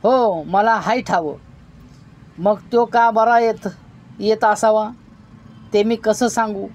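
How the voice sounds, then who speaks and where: A woman reading a story, voicing a worried older village mother who speaks softly and pleads. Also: medium pitch, slow, close to an everyday voice. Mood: pleading. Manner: soft, calm, pleading.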